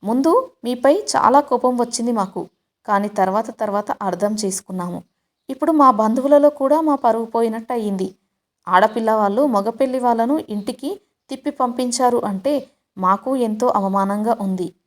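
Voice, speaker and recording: A woman voicing a stern elderly grandmother in a storybook, speaking with measured reproach. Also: fairly high pitch, natural voice. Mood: persuasive.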